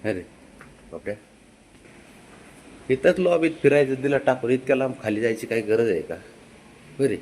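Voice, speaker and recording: A man's voice: mid-range voice, lively intonation, normal speed, long pauses, darkish tone, a little hiss or hum. A man, chatting casually to his dog on a home vlog, coaxing and scolding it with affection. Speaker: pet owner filming his dog. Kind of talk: casual vlog, talking to pets.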